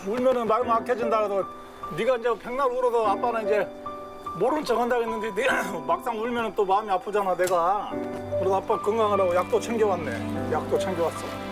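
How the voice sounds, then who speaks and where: An older man, a stepfather talking bluntly and gruffly with his daughter in a documentary. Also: high voice, fairly quick, loud music behind the voice. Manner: gruff, blunt, teasing banter. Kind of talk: casual family talk.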